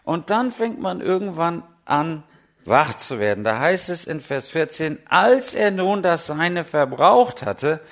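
A middle-aged German pastor with a slightly high voice preaches a sermon, telling stories and swinging lively between loud and hushed delivery.

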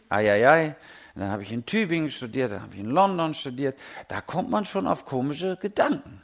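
Middle-aged male pastor, fairly high voice, animated sermon storytelling, jumps from loud to hushed. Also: gravelly. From Germany.

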